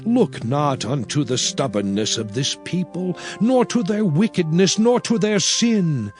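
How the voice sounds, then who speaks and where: A man's voice: fairly high pitch, animated, a little slow. A man playing Moses, a solemn prophet addressing his people in a declamatory, dramatized scripture reading with archaic diction. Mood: pleading. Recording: music behind the voice. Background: background music.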